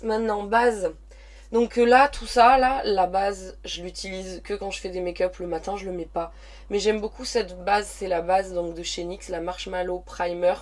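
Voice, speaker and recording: A woman in her early thirties talks through her makeup routine in a loose, rambling way, with frequent sighs and restarts. Her voice has a slight croak left over from a recent illness. She is recording at home in a small dressing room, speaking straight to a camera in front of her. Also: medium pitch, a little mellow. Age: 30s. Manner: rambling, chatty, with sighs and self-corrections. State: recovering from covid, slightly croaky. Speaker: beauty vlogger. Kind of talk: casual makeup tutorial chat.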